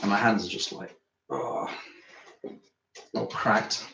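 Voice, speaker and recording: A man's voice: fairly low pitch, steady tone, takes it slowly, lo-fi sound. A British man, an artist chatting casually on a live stream while he works, rambling and thinking aloud, a bit tired after climbing. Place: art studio. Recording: roomy studio with faint noise.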